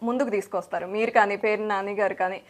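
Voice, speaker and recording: A woman's voice: medium pitch, fairly even intonation, fast talker. A woman interviewer pressing a politician with pointed, challenging questions.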